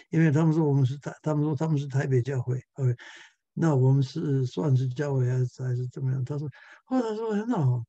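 A man's voice: medium pitch, brisk, dark tone, no room sound, muffled recording. A male pastor giving a church Bible class lecture, chuckling often and repeating words as he searches for the next one.

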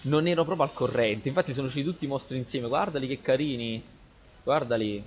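A man talking through his own gameplay in an excitable, chatty way, cursing now and then and addressing viewers directly. His voice sits at an everyday middle pitch. The recording sounds a little dull and lo-fi, with a faint hiss underneath. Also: fast talker. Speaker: gaming channel host. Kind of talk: live gameplay commentary.

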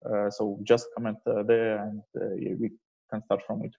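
A man with a husky, dark, rather low voice presents haltingly at an online developer meetup, keeping a level tone throughout his informal slide talk. He is heard on a muffled call through a video call microphone, with dull, lo-fi audio.

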